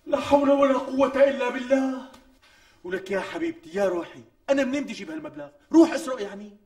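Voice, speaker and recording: An exasperated Damascene husband. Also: male voice, high-pitched, sing-song, racing, darkish tone. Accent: Syrian, Damascene. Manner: exasperated, protesting. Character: harried young husband, boutique owner, short of money. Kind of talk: TV sketch acting. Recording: distant mic with faint music.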